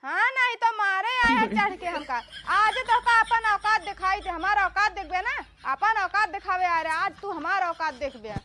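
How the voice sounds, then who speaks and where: A woman's voice: extremely high pitch, normal speed, few pauses, sharp tone. A woman with an Awadhi accent playing a fed-up, feisty village wife who scolds and complains in an amateur comedy skit. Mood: angry, threatening. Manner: scolding, indignant.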